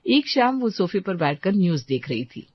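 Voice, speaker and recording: A woman's voice: fairly low pitch, sing-song, moderate pace, dry recording, muffled recording. Woman narrating a moral story.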